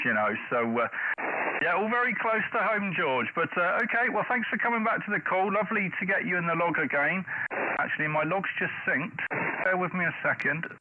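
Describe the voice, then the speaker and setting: Chatty man on a tinny ham radio call. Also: fairly high pitch. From United Kingdom. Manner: chatty, laughs easily, hands over with "go ahead". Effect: heard over a ham radio link. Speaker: ham radio operator, livestream host. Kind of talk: ham radio contact chat. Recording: tinny radio sound with clear hiss.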